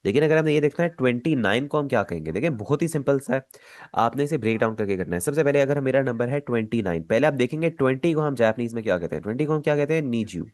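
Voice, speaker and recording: A man with a Pakistani Urdu accent, teaching an online language lesson, patient and repeating each step slowly. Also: medium pitch, expressive, a little mellow, no room sound.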